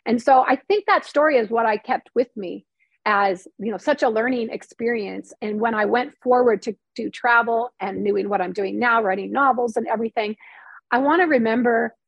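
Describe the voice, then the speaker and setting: A middle-aged woman with a slightly high, husky voice tells her story as an interview guest. She is chatty and earnest, leans on fillers, and acts out the lines of the people she quotes. The sound is close and dry, with no room around her. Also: moderate pace, no echo, lo-fi sound. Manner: chatty, heavy use of "like" and "you know", acts out quotes; earnest and candid. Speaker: interview guest, former TV news reporter turned novelist. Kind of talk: emotional personal storytelling in conversation.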